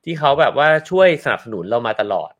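A man's voice: mid-range voice, sing-song, fast, muffled recording. A man hosting a casual interview, enthusiastic and teasing his guest. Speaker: host.

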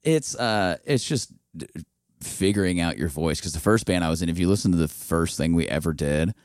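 A man chatting as a podcast guest, profane and animated when telling stories. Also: deep voice, brisk, no room sound, clean studio sound. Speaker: guest vocalist. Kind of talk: casual chat.

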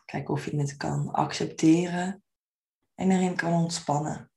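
Low, mellow woman guiding meditation softly. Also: steady tone, gravelly. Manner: soft, soothing, unhurried phrasing with gentle invitations. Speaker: meditation guide. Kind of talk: guided meditation.

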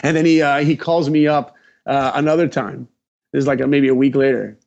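A man from New York, a guest animator, telling his story with lively acted-out dialogue. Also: mid-range voice, a little fast, vocal fry, muffled recording.

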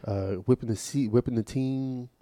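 Man with a dark, dry voice chatting. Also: medium pitch, normal speed, no echo. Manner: animated, profane storytelling with frequent restarts. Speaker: podcast co-host. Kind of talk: casual chat.

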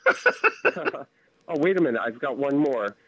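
A man's voice: medium pitch, lively intonation, moderate pace, bright, forceful tone, dry recording. A man calling in to a radio show over the phone, rambling from one topic to the next with many fillers. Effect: heard over the phone. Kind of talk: call-in chat. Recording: dull, lo-fi phone line.

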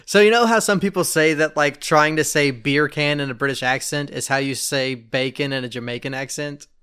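Joking bright-voiced podcast co-host. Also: male voice, fairly high pitch, normal speed, clean tone. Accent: Oklahoma. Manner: jokey, deadpan one-liners, swears casually. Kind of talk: casual comedic chat.

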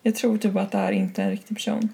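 A woman's voice: medium pitch, flat delivery, gravelly, warm tone, slight background noise. A young woman co-hosting a podcast, chatting casually with short reactions and teasing remarks. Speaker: podcast co-host. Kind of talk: casual chat.

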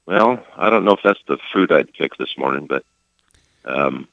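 A man's voice: very deep voice, animated, normal speed, no echo. A man phoning in to a radio show as a guest, chatting casually over a dull phone line. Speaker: store representative giving fishing reports by phone.

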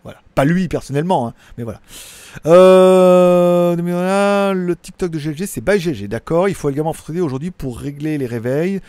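A man's voice: fairly high pitch, expressive, fairly quick, darkish tone, no room sound. A man from Lyon hosting a casual tech live stream, rambling through viewer comments with crude slang and lots of fillers. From Lyon, France. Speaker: tech channel host.

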